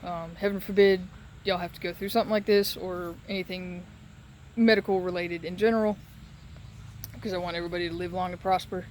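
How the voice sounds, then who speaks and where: A man talking casually and haltingly in a solo update while recovering from surgery with a sore throat. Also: sits high, steady tone, a little hiss or hum. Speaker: patient giving a recovery update.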